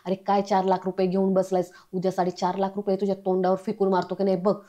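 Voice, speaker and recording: A woman reading the lines of a defensive young man who brushes off accusations, in an even, dark voice. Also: mid-range voice, fast, lightly acted. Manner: defensive, boastful.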